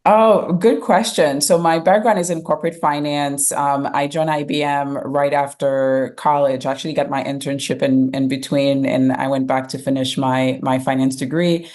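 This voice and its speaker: A middle-aged woman from Haiti, a company founder answering interview questions in a measured way, with frequent um and uh fillers. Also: very deep voice, fairly even intonation, a little mellow. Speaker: guest, fintech founder and CEO.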